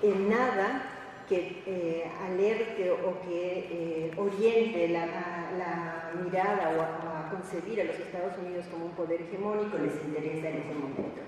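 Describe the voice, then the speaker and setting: A woman with a Mexican Spanish accent gives a semi-improvised academic panel talk, halting and reflective, pausing to search for words. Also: lowish voice, darkish tone. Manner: halting and reflective, with searching pauses and tag questions. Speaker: academic researcher presenting at a panel. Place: indoor conference room or hall. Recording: echoey hall, distant mic, faint noise.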